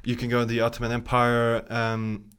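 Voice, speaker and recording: A man's voice: medium pitch, completely flat delivery, moderate pace, fairly bright tone, smooth. A tired man from Bosnia and Herzegovina, co-hosting a gaming podcast in casual chat and rambling with many fillers and restarts. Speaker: podcast co-host.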